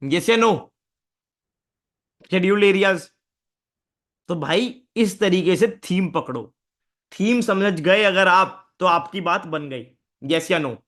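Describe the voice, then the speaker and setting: High-voiced man teaching casually. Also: expressive, slow, long pauses, fairly bright tone. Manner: conversational Hinglish teaching, asks students questions. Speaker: exam prep teacher. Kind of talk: live online lecture.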